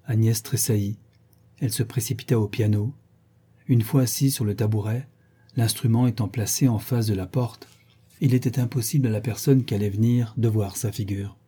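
A man narrating a classic novel in a measured, literary way. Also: fairly low pitch, fairly even intonation, dark tone, husky. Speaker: audiobook narrator. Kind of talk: scripted narration.

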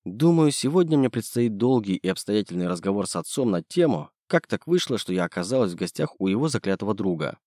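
A man's voice: fairly low pitch, big pitch swings, fast talker, hardly any pauses, dark tone, no room sound, clean studio sound. A man reading a storybook, voicing a guarded, teasing young woman who is a detective's partner. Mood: weary.

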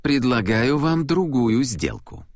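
A man's voice: medium pitch, very animated, slow pace, no echo, studio quality, pitched above the performer's own voice. A man voicing a defiant teenage boy who makes a bold demand.

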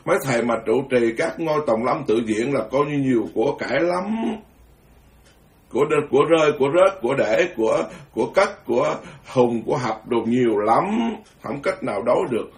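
A man's voice: mid-range voice, recorded from a distance. A male Buddhist monk gives a blunt, frank, scolding dharma talk and chants sutra verses.

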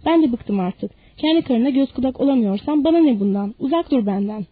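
A woman voicing a calm, authoritative lead ranch hand who speaks firmly and commandingly, in a dry, dull audiobook recording. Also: fairly high pitch, a little fast, slightly rough, no room sound. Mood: irritated. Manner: firm, commanding.

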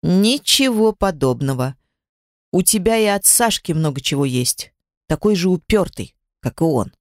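Brief: reader playing a vengeful older grandmother, lively pitch, dry. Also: normal speed, dry recording, lightly acted. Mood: insistent. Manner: sharp, insistent. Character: vengeful guilt-ridden grandmother.

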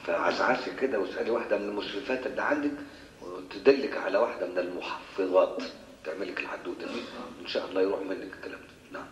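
A man's voice: low-pitched, racing, roomy sound, slight background noise, poor audio. A man with an Egyptian Arabic accent, a sheikh answering worshippers' questions in a colloquial lecture, putting rhetorical questions to his listeners. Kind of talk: religious Q&A lecture. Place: mosque.

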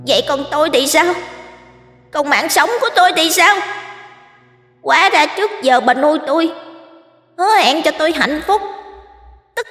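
A woman's voice: high voice, animated, normal speed, pauses often, fairly bright tone, soft background music, voice pushed up. A woman voicing a resentful ghost little boy with a childlike, echoing voice. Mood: bitter accusing. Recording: long hall reverb effect.

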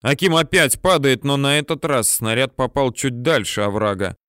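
A man reads a novel aloud as an audiobook in a steady, mid-pitched, clean voice at normal speed, building tension at dramatic moments. The sound is dry and close, with no room echo.

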